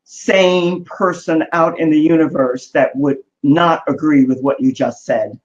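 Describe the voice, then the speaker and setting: A woman's voice: low voice, steady tone, unhurried. Effusive woman host, dull lo-fi sound. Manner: warmly affirming, effusive praise. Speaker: talk show host. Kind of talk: interview conversation.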